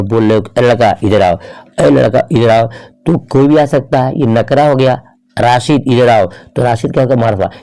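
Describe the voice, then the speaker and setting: A man's voice: medium pitch, creaky, dark tone. A middle-aged man teaching an exam-prep grammar lesson, asking questions and answering them himself and repeating key points.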